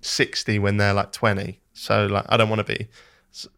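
Guy late 20s, podcast chat, lowish voice, keeps restarting, self-deprecating. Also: monotone, normal speed, a bit bright, smooth. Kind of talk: casual podcast conversation.

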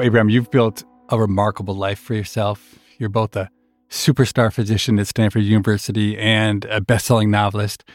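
A man's voice: fairly low pitch, a little mellow, no room sound, studio quality. Curious male podcast host. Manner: curious, upbeat questioning. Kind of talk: scripted intro then interview.

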